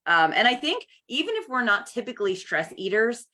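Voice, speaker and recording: A woman's voice: a little high, very animated, brisk, sharp tone. A woman hosting a live coaching call over video, chatty and upbeat, greeting viewers by name. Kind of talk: casual live coaching chat.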